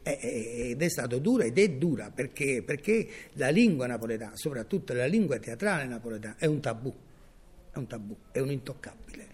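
A man's voice: medium pitch, lively intonation, a little fast, a little mellow, slightly rough. A man who works in theatre, speaking reflectively in a radio documentary interview and searching for his words with small restarts. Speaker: theatre practitioner.

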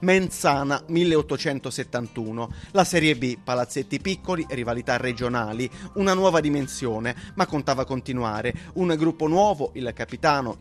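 Guy narrating a sports news piece, mid pitch voice, punchy short lines, bit of music under. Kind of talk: scripted sports report narration.

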